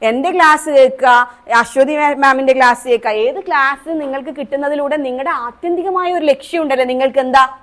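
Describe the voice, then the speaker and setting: A woman's voice: high-pitched, fairly quick, fairly bright tone. A woman Montessori trainer with a Kerala accent, teaching a teacher training class and asking the trainees questions. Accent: Malayali, Kerala. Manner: asks the class questions, demonstrates sounds.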